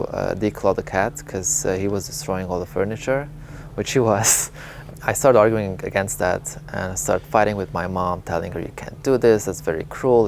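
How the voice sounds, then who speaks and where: A man in his thirties from Lebanon, telling his story candidly and reflectively in a relaxed interview. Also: deep voice, creaky, a little hiss or hum. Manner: candid, reflective, with small laughs and fillers. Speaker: interviewee, vegan advocate.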